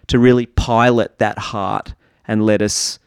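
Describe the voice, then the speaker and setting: A man's voice: on the low side, little pitch movement, a little slow, gravelly, clear, resonant tone, no echo, clean studio sound. A man, co-hosting a podcast in casual, sarcastic chat with mocking impressions. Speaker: podcast co-host. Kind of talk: casual chat recapping a reality show.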